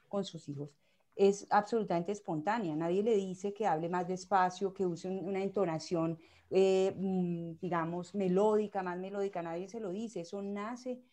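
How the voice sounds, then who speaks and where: Mellow-voiced woman host, measured and explanatory. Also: fairly low pitch. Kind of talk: casual expert discussion.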